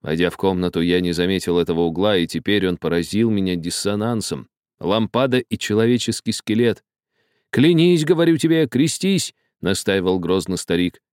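A man narrating a story as an audiobook reader, in a measured, even way. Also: deep voice, clear, resonant tone, no room sound, clean studio sound. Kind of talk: audiobook reading.

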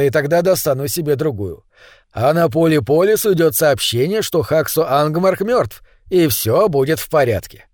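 A man voicing a cruel, triumphant male impostor who loudly proclaims in a sing-song way. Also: a little high, no room sound, clean studio sound, close to an everyday voice.

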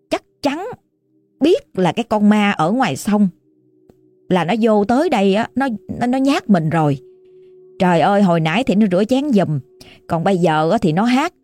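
With a Southern Vietnamese accent, a woman tells a ghost story in a chatty, casual way, often talking straight to her listeners. Her mid-range voice has a warm tone, and the recording has no echo.

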